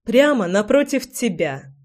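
A woman's voice: fairly high pitch, sing-song, unhurried, a little mellow. A reader voicing Tairin, a frank young woman who speaks reproachfully.

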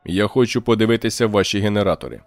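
A man reading an audiobook, giving a calm, ironic male trader slow, measured lines. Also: lowish voice, dry recording, soft background music, lightly acted.

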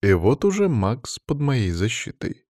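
A man narrating a fantasy audiobook in the first person with steady, measured storytelling. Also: mid-range voice, no room sound, studio quality.

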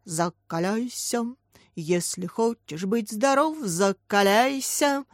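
Woman voicing a PE teacher, male, storybook, hearty, slow chanting, dry sound. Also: mid-range voice, very animated, fairly bright tone, no echo.

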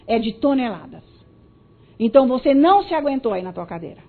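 A woman with a Brazilian accent preaches with fervent emphasis, her high voice jumping from loud stressed words to quiet, confiding asides. The sound is thin and tinny, like a phone line. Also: big pitch swings, fairly quick. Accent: Brazilian Portuguese. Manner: emphatic, swings between loud stresses and soft asides, talks straight to the listeners. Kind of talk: sermon.

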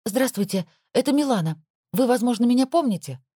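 A woman's voice: fairly high pitch, animated, fairly quick, warm tone, slightly rough, dry recording, clean studio sound, voice pushed up. A woman voicing a desperate young woman in an audiobook, pleading urgently.

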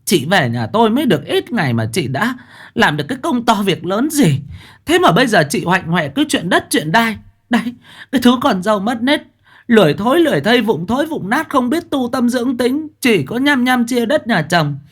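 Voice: mid-range voice, sing-song, husky, voice pushed up. A storyteller voicing a domineering elderly mother-in-law who berates her daughter-in-law in a shrieking tirade. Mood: furious. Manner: shrieking, rapid-fire tirade.

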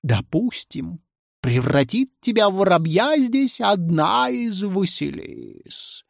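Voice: mid-range voice, big pitch swings, slow pace, creaky, no room sound, studio quality, pitched above the performer's own voice, full character voice. A reader doing a melancholy, theatrical old-school cat. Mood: stern. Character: pompous male cat deputy head in pince-nez.

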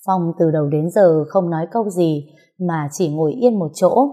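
A woman's voice: lowish voice, moderate pace, dark tone. A woman narrating a first-person audio story with a bitter, emotional telling.

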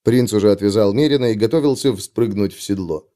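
A man reading an adventure story aloud as narrator, in steady, dramatic storytelling. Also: on the low side, a little fast. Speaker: audiobook narrator. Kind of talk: scripted narration.

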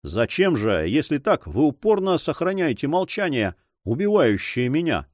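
A man's voice: a little high, big pitch swings, normal speed, dry recording, voice pushed up. A man reading an audiobook, voicing a passionate young man who speaks fervently and pleadingly. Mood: ardent.

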